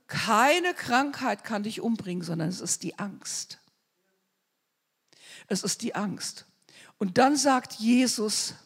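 A husky-voiced woman preaches with fervor, moving from loud declarations to hushed asides. Her voice rings with a long reverb, as in a church hall. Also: a little high. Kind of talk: sermon.

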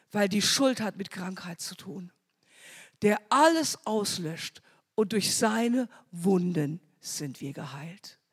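A woman preaching a sermon, repeating phrases and rising loud on key words. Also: a little high, husky. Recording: long hall reverb.

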